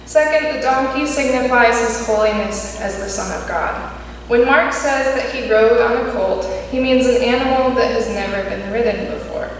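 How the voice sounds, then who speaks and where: A young woman preaching a sermon from a pulpit, reading in a measured way. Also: fairly high pitch, slight background noise. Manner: measured, read from notes at a pulpit. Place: church sanctuary. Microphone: pulpit mic at a distance. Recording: echoey church hall, distant mic.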